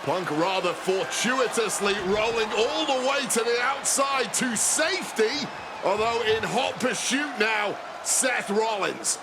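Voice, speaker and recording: A man's voice: sits high, animated, slow. A man giving dramatic, emphatic commentary as a wrestling commentator. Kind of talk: excited play-by-play and color commentary on a wrestling match. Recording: loud crowd noise behind. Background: roaring arena crowd, slams.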